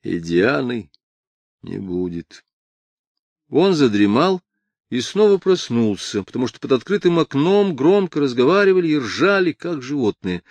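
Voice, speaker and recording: Slow, measured male audiobook narrator. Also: medium pitch, big pitch swings, darkish tone, dry recording, muffled recording. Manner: measured, unhurried reading.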